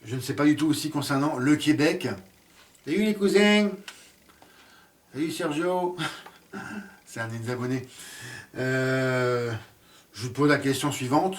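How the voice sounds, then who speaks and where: A man's voice: mid-range voice, a little slow, pauses often, far from the mic. A man giving a casual spoken series review, hesitant and full of fillers and restarts.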